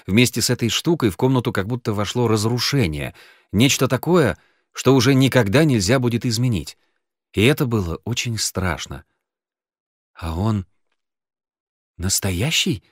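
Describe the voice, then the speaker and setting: A man narrating an audiobook in an expressive, dramatic reading. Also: medium pitch, moderate pace, dry recording, clean studio sound. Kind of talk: scripted narration.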